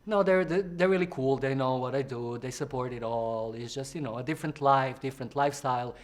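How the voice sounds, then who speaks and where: Quick and brisk, this young drag performer from Croatia chats playfully through an interview. He switches into high-pitched voices to act out other people's words.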